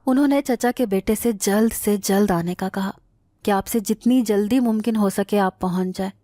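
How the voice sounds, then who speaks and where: A woman narrating a scripted first-person horror story in a steady, dramatic manner. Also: mid-range voice, no echo, studio quality.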